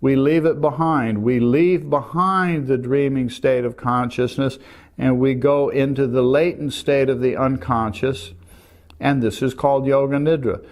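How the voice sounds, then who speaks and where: An older man teaching meditation, explaining calmly and gently while pointing to a diagram. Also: mid-range voice. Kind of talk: calm spoken lesson.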